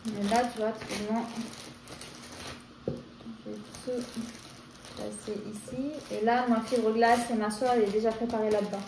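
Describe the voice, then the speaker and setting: French lady doing nails and reading exam stuff, slightly high voice, faint room hum. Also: level tone, darkish tone. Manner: reads English exam text haltingly, chatty asides. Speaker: nail technician vlogger. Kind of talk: casual tutorial while working. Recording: echoey room with faint ambience.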